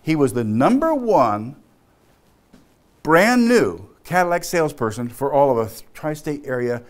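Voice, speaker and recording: Male business speaker, storytelling keynote, animated, halting, laughs often. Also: mid-range voice.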